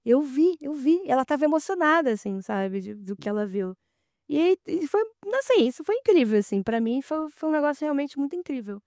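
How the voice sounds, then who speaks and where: A woman with a Brazilian accent, a podcast guest telling a personal story in a casual, animated way and acting out the dialogue. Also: high-pitched, brisk, no echo, clean studio sound. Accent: Brazilian Portuguese.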